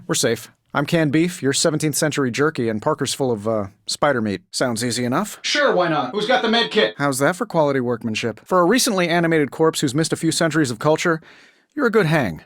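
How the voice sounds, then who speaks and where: A wisecracking male armored inventor hero from a video game. His voice sits a little high and swings freely in pitch as he delivers glib, self-assured quips. The sound is close and dry. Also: fairly bright tone, dry recording. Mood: wry, glib, then battle-ready, sharp.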